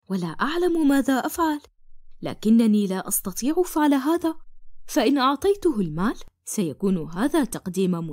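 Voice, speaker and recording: A woman's voice: a little high, a little mellow, no echo. A woman narrating a cartoon story in the first person, with dramatic delivery and whispered asides.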